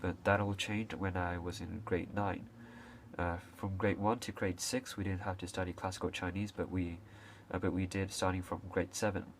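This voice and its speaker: Talking unscripted to camera at normal speed, this young man from Hong Kong has a deep, low, level voice. The video creator is hesitant, full of fillers like "uh," frequent restarts and occasional coughs, with a faint hiss under the audio.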